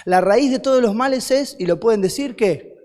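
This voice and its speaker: Heard through long hall reverb, a man with a Rioplatense Spanish accent delivers a sermon as a guest preacher. His voice is very high and darkish, moving at a moderate pace, as he poses rhetorical questions to the congregation and supplies the answers.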